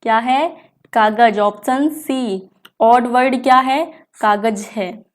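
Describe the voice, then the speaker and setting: A woman teacher running an exam revision class. She reads each question slowly in English, then explains it quickly in Hindi, asking the class questions and answering them herself. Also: on the high side.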